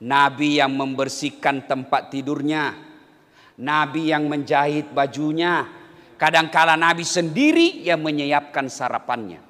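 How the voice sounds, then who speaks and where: A man's voice: medium pitch, fairly bright tone. A male preacher with a Makassar-flavored Indonesian accent, giving a joking sermon, quizzing his congregation and acting out little scenes. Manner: joking, asks the audience questions, acts out scenes. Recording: reverberant hall, faint background noise.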